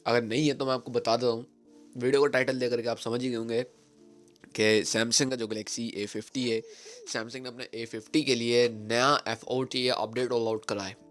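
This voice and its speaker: A man's voice: mid-range voice, flat delivery, moderate pace, soft background music. A man hosting a tech channel, explaining phone updates in a casual, chatty way with frequent fillers and English phrases mixed in.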